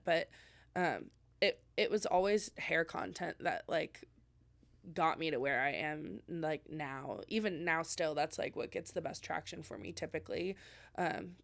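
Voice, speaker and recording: Young woman, podcast co-host, rambling casual talk, fry-heavy voice. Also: low-pitched. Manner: chatty, rambling with many fillers. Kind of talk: casual chat.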